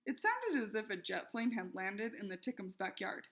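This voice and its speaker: A woman reading a children's novel aloud, expressive and lively in the characters' shouted lines. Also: mid-range voice, normal speed. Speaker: reader.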